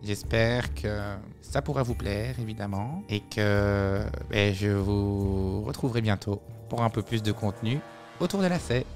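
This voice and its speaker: An earnest, nerdy collector, as a man puts him on, with a lowish voice. He lists things formally and patiently. Music is clearly heard behind. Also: unhurried, natural voice. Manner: earnest, formal, monotone listing.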